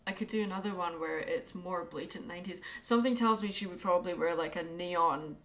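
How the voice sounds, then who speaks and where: A woman with a lowish, fairly bright voice chats casually on an art livestream while drawing, musing and thinking aloud as she works. She speaks a little quickly, with music playing in the background.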